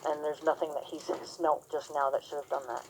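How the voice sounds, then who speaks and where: A woman teaching horsemanship, talking softly and soothingly to a horse while coaching a student. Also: sits low, fairly even intonation, fairly quick, slight background noise, poor audio. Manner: soothing and gentle. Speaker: horsemanship instructor. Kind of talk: hands-on coaching lesson.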